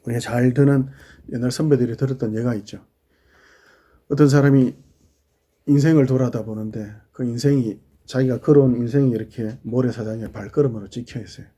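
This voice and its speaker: A middle-aged man, a pastor giving a sermon in a conversational way, asking the congregation questions and dropping into quiet asides. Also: medium pitch, steady tone, brisk, breathy edge.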